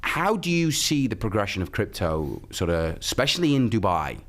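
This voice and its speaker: A male podcast host with a very low voice whose pitch still swings a lot as he talks. He pads his questions with "sort of" and "obviously". Between the guest's answers he drops in short agreeing replies. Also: sing-song. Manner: fills with "sort of" and "obviously", quick back-channel agreement. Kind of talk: casual interview.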